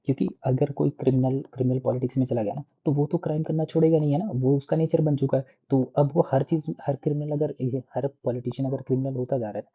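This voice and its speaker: A man's voice: medium pitch, steady tone, fast, few pauses, breathy edge, muffled recording. A man teaching an exam prep lesson in a casual explanatory way, often tagging sentences with "na" and restarting words. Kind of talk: explanatory lecture.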